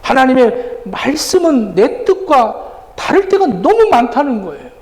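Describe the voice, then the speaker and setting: Animated preaching man in reverberant hall. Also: very high-pitched, unhurried. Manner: conversational preaching, acting out quoted exchanges. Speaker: pastor. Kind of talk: sermon. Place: church sanctuary. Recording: roomy church hall reverb, faint ambience.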